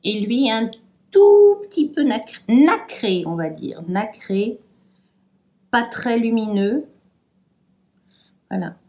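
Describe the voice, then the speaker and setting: A woman's voice: on the high side, animated, slow pace, long pauses, warm tone. A French woman chatting casually through a makeup tutorial, hesitant and trailing off with fillers as she works. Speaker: beauty vlogger.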